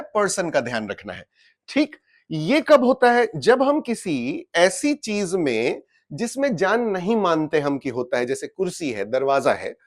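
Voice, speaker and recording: High-voiced Indian man teaching a class. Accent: Indian English. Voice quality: switches between Hindi and English mid-sentence. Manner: explains step by step with rhetorical questions. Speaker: exam prep teacher. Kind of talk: recorded class lecture.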